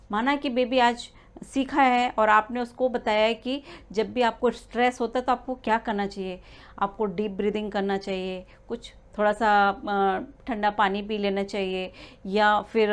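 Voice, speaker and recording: A woman giving a spoken lesson to expecting mothers, explaining step by step with frequent "uh" fillers and small restarts. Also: a little high. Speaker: prenatal learning coach.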